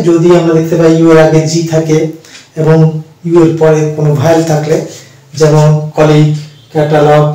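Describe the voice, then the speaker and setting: A man teaching English pronunciation, speaking slowly and repeating words syllable by syllable as he explains. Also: on the high side, warm tone. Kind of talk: pronunciation lesson. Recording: echoey room, mic far off.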